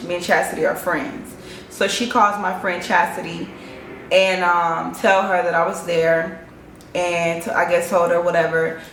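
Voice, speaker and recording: A young woman telling a personal story in a casual, animated, profane vlog monologue. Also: fairly low pitch, slight background noise. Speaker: vlogger. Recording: echoey room, faint ambience.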